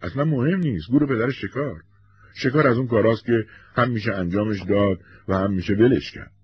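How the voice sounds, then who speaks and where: A man's voice: on the low side, husky, no echo, highs cut off, pitched above the performer's own voice. A man voicing a blunt but kindly male friend in a storybook reading. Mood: easygoing. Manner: blunt, easygoing.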